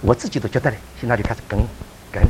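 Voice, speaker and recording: A man preacher telling a testimony in a sermon, with animated storytelling and frequent restarts. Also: medium pitch, racing, very noisy.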